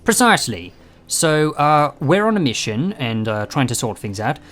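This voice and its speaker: A jovial, quick-witted adventurer, played by a man, talks with theatrical confidence at a medium pitch. Music runs behind his breezy, self-assured audio drama lines. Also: sing-song, fairly bright tone. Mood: polite, breezy.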